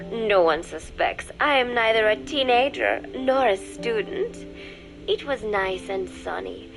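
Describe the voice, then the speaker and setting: A woman voicing a young female spy who poses as a sweet teenage student, narrating a diary in a cool, measured, quietly sardonic way. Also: medium pitch, natural voice, rough recording.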